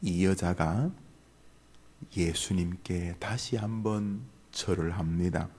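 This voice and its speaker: A man preaching as pastor, swinging between low murmured lines and loud exclaimed ones as he acts out harsh inner voices. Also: slow, slightly rough. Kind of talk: sermon.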